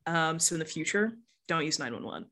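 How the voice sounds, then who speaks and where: A woman voicing a brisk female emergency dispatcher, curt and official. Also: sits low, animated, sharp tone.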